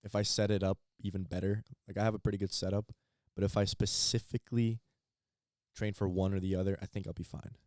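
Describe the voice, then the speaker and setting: A teenage man co-hosting a podcast in casual chat, halting and repeating words as he thinks. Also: low-pitched, little pitch movement, a little mellow, dry recording, clean studio sound. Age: teens. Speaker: podcast co-host.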